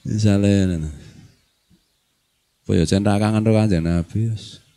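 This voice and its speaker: Low-voiced Javanese cleric, jokey. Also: male voice, fairly even intonation, normal speed, mellow. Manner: jokey, laughs often, mixes local and Arabic phrases. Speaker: Islamic scholar teaching a study circle. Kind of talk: casual religious lecture.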